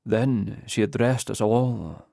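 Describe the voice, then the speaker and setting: Male audiobook narrator, slow steady storytelling, dry close sound. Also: on the low side, creaky, no echo. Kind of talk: first-person audiobook narration.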